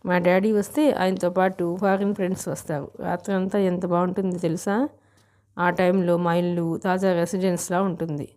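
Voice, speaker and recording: A woman's voice: lowish voice, little pitch movement, moderate pace, a little mellow, natural voice. Woman reading a showy rich young woman. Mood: boastful.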